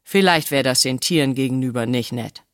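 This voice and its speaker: A woman's voice: a bass voice, fairly quick, no room sound, studio quality. A woman voicing a simple, chatty man who sells cat food, rambling along enthusiastically and naively, in an audiobook reading. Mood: gushing. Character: simple, chatty working-class man, cat's-meat seller.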